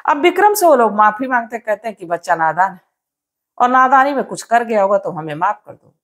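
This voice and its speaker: A woman's voice: a little high, sing-song, fairly quick, a bit bright. A woman narrating a crime story in a chatty, conversational way, with repetitive fillers.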